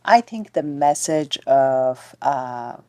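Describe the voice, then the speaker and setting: A woman from Ethiopia hosting a podcast, speaking in a thoughtful, measured way. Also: rumbling low, animated, darkish tone. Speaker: podcast host. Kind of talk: reflective conversation.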